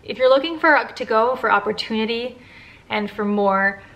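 On the high side and fairly bright, this woman talks at a moderate pace, though the recording sounds muffled. In her thirties and a native English speaker, she answers viewer questions to a nearby camera from her living room at home, chatty and candid, peppering her talk with "like."

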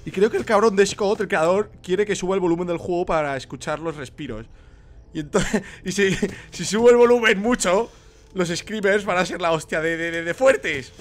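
A young man from Spain with a Castilian accent playing a horror game, excitable and swearing a lot. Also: high-pitched, moderate pace. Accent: Castilian Spanish. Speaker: gaming youtuber. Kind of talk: horror game let's play.

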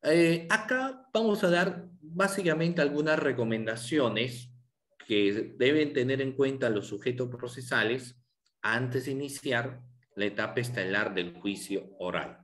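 A man's voice: medium pitch, measured pace, a bit bright. Brief: male law lecturer, rhetorical questions, frequent tag questions. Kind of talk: online lecture to lawyers.

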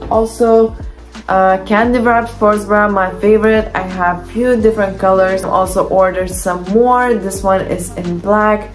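A young woman, a fitness coach, talks through a try-on haul in her bedroom, speaking straight to the camera. Her English is that of a Lithuanian native speaker, chatty and enthusiastic, and she often restarts her sentences. Faint music plays behind her, and her voice sits at a middle pitch. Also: fairly even intonation, measured pace. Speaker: fitness coach reviewing gym clothes. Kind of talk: casual try-on haul talk. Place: bedroom at home.

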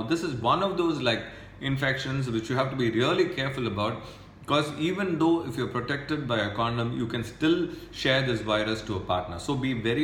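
A man, a doctor explaining a health topic in a measured way with many filler uhs. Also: mid-range voice, a bit bright. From India. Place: indoor room with ceiling lights. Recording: echoey room, faint background noise.

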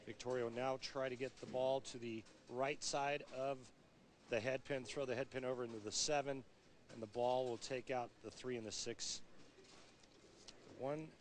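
At a bowling centre during a televised championship, a middle-aged American man offers analytical bowling commentary in an explanatory, conversational style. His medium-pitched voice is steady and at normal speed, broadcast over loud venue ambience.

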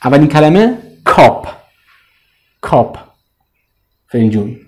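Persian-accented man teaching English words. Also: very animated. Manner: slow, drawn-out model words, often trailing off low. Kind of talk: vocabulary lesson with repeat-after-me drills.

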